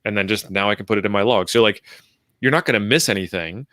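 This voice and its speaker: A man's voice: lowish voice, fast talker, pushed and bright, no room sound. Man explaining radio calls, dry sound. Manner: explains with acted-out radio exchanges. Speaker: co-host of a ham radio livestream. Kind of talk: casual livestream chat.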